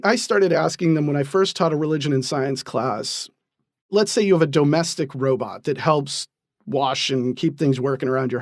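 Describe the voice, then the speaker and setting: Animated professor, dry close sound. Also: male voice, fairly high pitch, no echo. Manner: animated, laughs while explaining. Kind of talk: interview answers.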